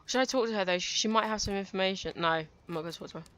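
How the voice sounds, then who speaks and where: A woman's voice: mid-range voice, racing, fairly bright tone. A woman playing a story game and chatting casually in self-deprecating asides. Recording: game music behind.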